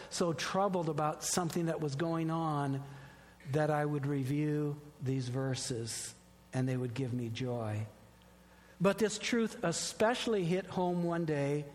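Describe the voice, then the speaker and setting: Middle-aged male pastor, slightly raised pitch, earnest sermon delivery, long church reverb. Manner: earnest, warm preaching with personal stories. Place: church sanctuary.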